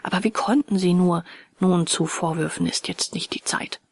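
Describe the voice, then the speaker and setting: A woman voicing an older male professor who speaks in a low, measured, soothing way. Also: creaky, breathy edge, no room sound. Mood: reassuring.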